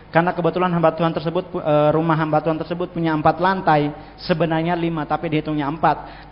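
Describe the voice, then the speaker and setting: A man, speaking in a high voice and telling his testimony with restarts and sudden emphasis. His voice rings through a large hall with a long reverb. The recording sounds dull and muffled. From Manado, Indonesia. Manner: vivid storytelling, frequent restarts, bursts of emphasis. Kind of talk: preached personal testimony.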